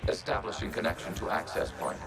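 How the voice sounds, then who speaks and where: A man voicing a calm, emotionless synthetic machine intelligence in a video game, making flat, measured, computer-like announcements. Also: deep voice. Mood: calm, detached. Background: loud game music.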